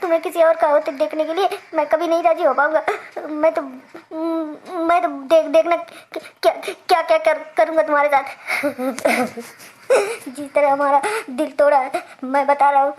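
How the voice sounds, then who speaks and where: A heartbroken, vengeful village man from a cartoon comedy, voiced by a performer, speaking with an Awadhi accent. The voice sits high and keeps breaking into stammers, tearful threats and insults. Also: fairly even intonation, measured pace. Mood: ranting.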